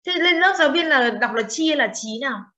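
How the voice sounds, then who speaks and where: A woman lecturing a translation class in a bright, crisp, somewhat high voice. She quizzes her students and explains grammar, dropping foreign terms into her speech. The recording sounds dull and lo-fi. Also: expressive, fairly quick. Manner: questioning students, explaining terms with Chinese words mixed in. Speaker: teacher of Chinese translation.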